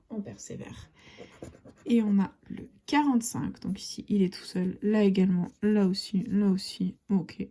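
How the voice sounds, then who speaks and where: Woman, casual scratch-card commentary, warm mellow tone, friendly chatter to viewers, soft half-whispers now and then. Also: medium pitch, slightly rough. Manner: chatty, addresses viewers as "les copains". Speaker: host scratching lottery tickets.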